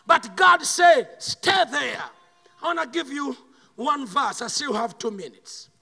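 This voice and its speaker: A man from Uganda with a Ugandan accent preaching a sermon, swinging between loud shouted bursts and quiet slow asides. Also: very high-pitched, animated, creaky, big-room sound, faint music behind.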